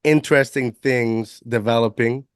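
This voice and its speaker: A man's voice: medium pitch, fairly even intonation, a little slow, clear, resonant tone, no echo, studio quality. A man from Puerto Rico hosting a podcast interview, enthusiastic and often restarting his sentences. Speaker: podcast host. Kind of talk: casual interview chat.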